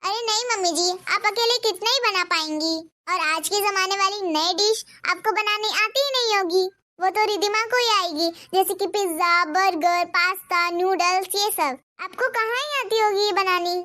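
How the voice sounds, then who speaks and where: A woman's voice: very high-pitched, normal speed, few pauses, sharp tone. Woman voicing a bossy spoiled young wife. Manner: bossy, coaxing, boastful. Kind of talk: Hindi cartoon dub.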